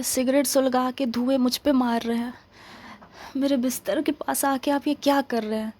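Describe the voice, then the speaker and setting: A woman's voice: high voice, a little mellow. A woman voicing a young woman stranded behind enemy lines in an ASMR role-play, grumbling to herself and pleading with stammers. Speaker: ASMR roleplay performer.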